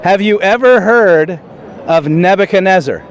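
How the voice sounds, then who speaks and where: A man with a fairly high voice hosts a street interview show and stops passers-by with the same simple questions. He speaks plainly and hesitantly, filling gaps with "uh" and restarting his sentences. A light hum of traffic and city noise sits behind him. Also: lively intonation, unhurried, dull audio. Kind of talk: street interviews and direct-to-camera intro.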